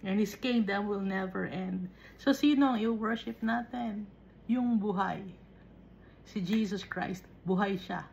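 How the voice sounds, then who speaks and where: A woman's voice: medium pitch, gravelly, darkish tone, lo-fi sound, a little hiss or hum. A woman teaching a Bible lesson, often stopping to check that her listeners follow. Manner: unhurried, explaining with frequent checks on listeners. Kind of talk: Taglish Bible study teaching.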